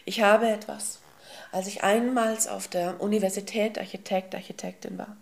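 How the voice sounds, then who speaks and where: With a medium-pitched, creaky voice and fairly even intonation, a woman teaching spiritually shares a slow, emphatic parable. She speaks to her listeners as souls and beloved ones, filling gaps with soft humming.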